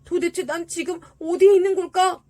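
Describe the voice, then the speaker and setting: A woman's voice: very high-pitched, steady tone, a little fast, mellow, no room sound, voice pushed up. A woman voicing a brave, lovesick one-legged tin soldier, musing to himself in a storybook. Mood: wistful. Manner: wistful inner musing.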